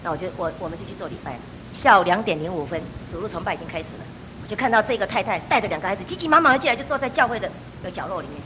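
A middle-aged woman giving a personal church testimony, telling her story with animated storytelling and acting out the voices she quotes. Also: medium pitch, very fast, background noise.

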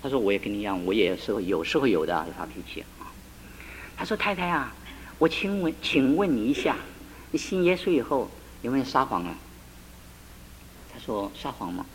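Man preaching with lively, rising emphasis. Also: mid-range voice, a little hiss or hum, rough recording. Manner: retells the couple's dialogue with shifting tones, rising to emphatic climaxes. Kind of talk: sermon with a told story.

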